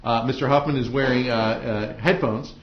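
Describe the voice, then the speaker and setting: An American male judge presides over jury selection, giving semi-formal instructions to jurors in a mid-range voice with fairly even intonation and a moderate pace. He's hesitant, with frequent ums and uhs. Ceiling room microphones in the indoor courtroom give a dull, echoey pickup.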